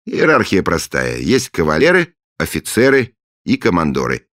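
A man's voice: deep voice, lively intonation, moderate pace, dry recording, clean studio sound, pitched above the performer's own voice. A man voicing a grandiose middle-aged leader of a secret order, who speaks in solemn, imperious pronouncements. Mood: hearty. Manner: solemn, imperious pronouncements, later loud and hearty. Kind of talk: audiobook character voice.

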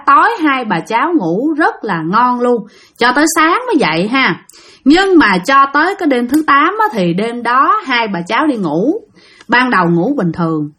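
Lively Southern Vietnamese woman storyteller. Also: fairly high pitch. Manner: chatty, addresses listeners directly. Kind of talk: spoken ghost-story telling.

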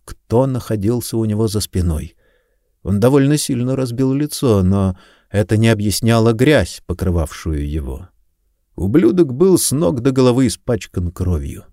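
A man reading an audiobook in a steady, measured scripted narration. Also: on the low side, dry recording, clean studio sound.

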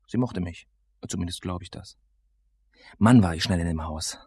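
A man narrating an audiobook in a casual, sardonic first-person voice. His voice is very low, with gravel and a husky edge. The sound is dry and close. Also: moderate pace, darkish tone, no room sound. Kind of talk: first-person novel reading.

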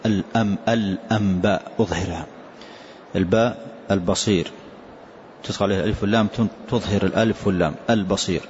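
Low-voiced sheikh explaining a text. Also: male voice, darkish tone. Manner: patient, repeats the student's line then explains. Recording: dull lo-fi lesson recording, faint hiss.

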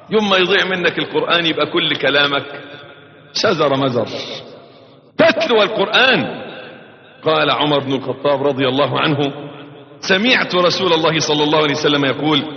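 High-voiced Egyptian preacher in an echoey hall. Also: male voice. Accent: Egyptian Arabic. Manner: swings between loud exhortation and quiet quotation, chants verses. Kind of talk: religious lesson. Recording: echoey hall, dull lo-fi tape.

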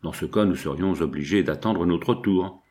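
A man's voice: deep voice, normal speed, a little mellow. A man reading a sheepish old sea captain. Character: clumsy old sea captain, awkward and apologetic.

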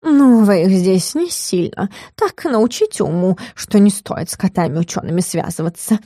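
A woman's voice: medium pitch, lively intonation, moderate pace, mellow, dry recording, clean studio sound, close to an everyday voice. A woman voicing a cheeky, dramatic male talking cat in a fantasy audiobook, with squealing and theatrical wailing. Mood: smug.

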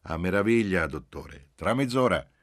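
Man voicing a jovial hearty cop, loud, overly familiar, deep booming voice, dry audiobook sound. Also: expressive, moderate pace, dry recording. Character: jovial hearty male police agent. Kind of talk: audiobook reading.

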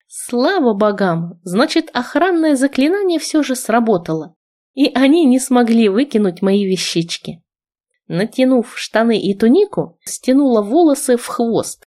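A woman's voice: a little high, a little mellow. Woman reading a first-person audiobook. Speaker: audiobook narrator. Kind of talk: scripted first-person narration.

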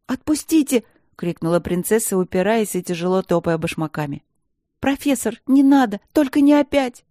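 A woman's voice: mid-range voice, fairly quick, dark tone, no room sound, clean studio sound, close to an everyday voice. A woman voicing a proud young princess student who pleads, sobs and lashes out in anger. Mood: frightened. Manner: pleading, then sobbing and angry.

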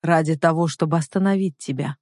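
A woman voicing a calm, cold traitor henchman. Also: sits low, brisk, dry recording, clean studio sound. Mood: calm coldness.

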